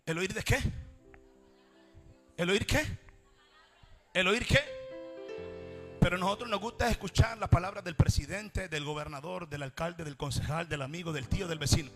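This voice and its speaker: A man preaching a sermon to a congregation in a church, with a repetitive, impassioned cadence that swings between shouts and quiet passages. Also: high voice, moderate pace, long pauses, soft background music.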